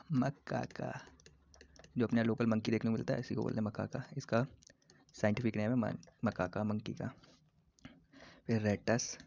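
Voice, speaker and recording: A man teaching biology for an exam, repeating terms slowly and joking with his students. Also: on the low side, gravelly, a little mellow. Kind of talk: casual exam-prep lesson. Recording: dull lo-fi recording.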